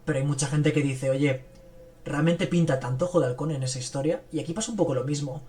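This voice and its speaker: A man's voice: fairly high pitch, quick pace, a little mellow. A man hosting a podcast, chatting casually and enthusiastically about films. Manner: enthusiastic, rambling, frequent fillers. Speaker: podcast host. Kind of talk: casual film review chat.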